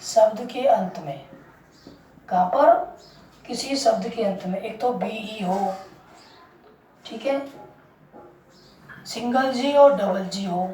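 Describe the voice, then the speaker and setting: A woman's voice: mid-range voice, slow pace, pauses often, warm tone, far from the mic. A woman teaching English pronunciation in a classroom-style lesson, repeating each point and quizzing her listeners with questions. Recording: echoey room, voice from off mic, faint background noise.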